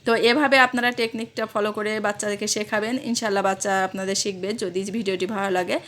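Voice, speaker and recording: A woman's voice: mid-range voice, steady tone, fast talker, a bit bright, slight background noise. A woman from Bangladesh, a vlogger, patiently explaining to parents how to teach children English words, repeating examples with fillers and self-corrections. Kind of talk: casual instructional talk to parents.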